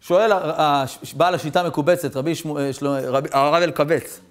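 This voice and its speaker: A male rabbi telling a story in a sermon, animated and acting out the voices of the characters. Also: a little high.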